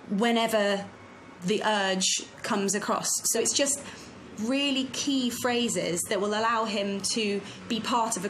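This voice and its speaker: A woman's voice: mid-range voice, fairly bright tone, a little hiss or hum, poor audio. A woman speaking earnestly in an interview to camera, speeding up when she stresses a point.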